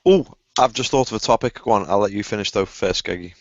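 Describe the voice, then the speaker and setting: A man with a low, gravelly voice talks fast and rambles through a casual call, swearing casually as he goes. The audio comes through dull and lo-fi. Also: no echo. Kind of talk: casual group chat over video call.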